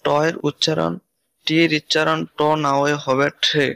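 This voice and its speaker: A man teaching English pronunciation, reciting letters in a steady, list-like way. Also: on the high side, moderate pace, creaky, no echo, low-quality recording. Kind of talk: scripted pronunciation lesson.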